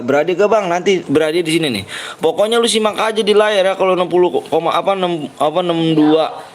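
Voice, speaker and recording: A man's voice: on the high side, rough recording. A young man, giving rowdy, slang-heavy commentary on a live game stream and trash-talking his opponents.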